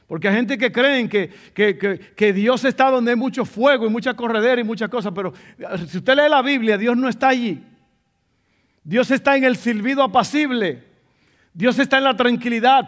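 A man's voice: very high voice, a bit bright. A male pastor preaching a sermon in a teaching tone, repeating his key phrases for emphasis.

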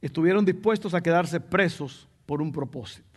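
Male pastor, sermon, high voice, teaching tone, repeats key phrases. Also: moderate pace.

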